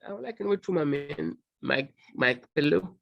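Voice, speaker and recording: A man in an online meeting whose video call audio keeps breaking up, speaking haltingly and unsure of the technology. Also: a little high, lively intonation, creaky, no echo. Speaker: meeting participant. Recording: dull, dry, lo-fi video call line.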